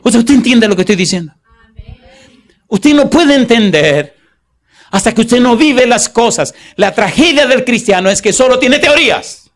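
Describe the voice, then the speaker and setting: A male pastor preaching a sermon, slowing down to read scripture and putting rhetorical questions to the congregation. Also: very high-pitched, animated, fairly bright tone. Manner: slows to stress scripture verses.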